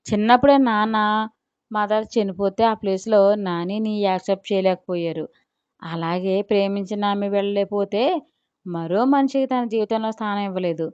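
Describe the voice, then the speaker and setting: A woman voicing a young woman who snaps curtly but speaks softly with her lover, with a smooth, clear voice. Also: mid-range voice, normal speed, no echo, highs cut off, natural voice. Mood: moody, soft. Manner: curt, scolding. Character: moody young woman, sharp but affectionate.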